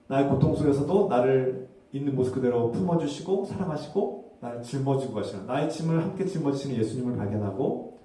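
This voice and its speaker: A man's voice: fairly high pitch, mellow. A male pastor preaching a Sunday sermon, earnest and questioning, often asking the congregation rhetorical questions. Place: church sanctuary. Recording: very echoey hall, heard from a distance.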